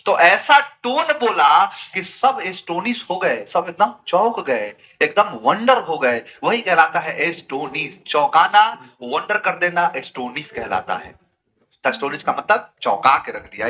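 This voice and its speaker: Animated high-voiced male teacher. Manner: animated, playful, acts out funny family scenes. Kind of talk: Hindi-medium vocabulary lesson with acted skits.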